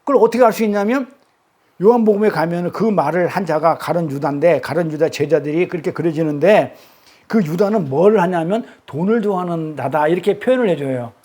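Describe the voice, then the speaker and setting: A man's voice: on the high side, brisk, warm tone. A male pastor preaching a sermon who keeps putting questions to the congregation and acts out the lines he quotes.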